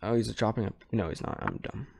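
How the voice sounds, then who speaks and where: Young male gamer, lowish voice, casual off-the-cuff commentary on his own play. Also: wildly swooping pitch, quick pace, gravelly, darkish tone. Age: young adult. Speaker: chess player. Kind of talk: casual thinking-aloud game commentary. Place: small room at home.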